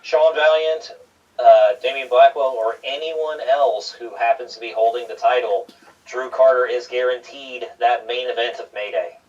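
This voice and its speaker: Distant, lo-fi man talking wrestling, haltingly. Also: mid-range voice, steady tone, darkish tone. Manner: halting, repeats himself. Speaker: wrestling show co-host. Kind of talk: casual wrestling talk. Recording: dull lo-fi sound, distant from mic.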